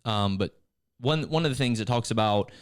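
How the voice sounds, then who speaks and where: A man talks in a relaxed church video chat. His voice is smooth and resonant, sitting a little low. He rambles, restarts his phrases, and steers toward encouragement. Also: normal speed. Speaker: church staff co-host.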